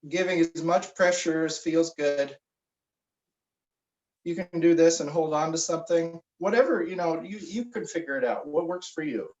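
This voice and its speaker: A man leading a guided meditation and warm-up stretches, giving slow, relaxed instructions with frequent fillers. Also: on the high side. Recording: roomy, distant, dull recording.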